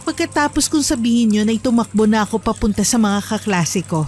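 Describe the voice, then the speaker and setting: A woman narrates a true horror story in a calm, earnest way. Her voice sits a little high. Soft music plays faintly behind her. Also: brisk.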